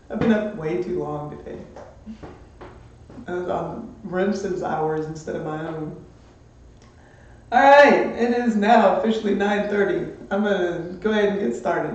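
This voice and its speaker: A man's voice: high-pitched, vocal fry, a little mellow, a little hiss or hum. A man teaching a math lesson on a live stream, chatty and upbeat, greeting students as they join. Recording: distant echoey muffled room mic.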